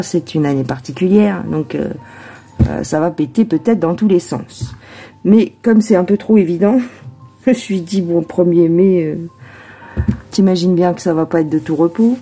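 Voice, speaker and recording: A woman's voice: lowish voice, mellow, husky. A woman tarot reader chatting casually before a reading, rambling with many hesitations and asides to herself.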